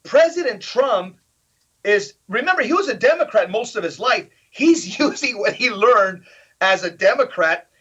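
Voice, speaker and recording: Man with a high voice firing off rhetorical questions, punchy and emphatic, kinda dull lo-fi audio. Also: animated, normal speed, bright, forceful tone, breathy edge. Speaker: guest. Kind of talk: animated political interview talk.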